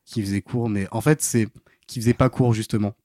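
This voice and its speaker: A man's voice: fairly low pitch, steady tone, a little fast, dark tone, no echo, studio quality. A man in his twenties, a podcast guest, telling stories casually with lots of hesitations and restarts. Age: 20s. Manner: hesitant, full of fillers and restarts. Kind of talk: casual interview storytelling.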